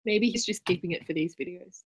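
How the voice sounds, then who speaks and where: A woman co-hosting a casual rewatch podcast with dry, joking asides. Her pitch is middling. The recording is close and dry. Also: brisk, slightly rough, dry recording. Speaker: podcast co-host.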